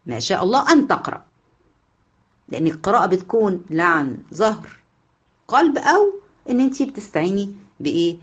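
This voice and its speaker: A woman's voice: medium pitch, sing-song, fairly quick, pauses often, slightly rough, muffled recording. A woman with an Egyptian Arabic accent teaching a class, asking her students questions and answering them herself, repeating the key points. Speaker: Islamic jurisprudence teacher. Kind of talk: online class lecture.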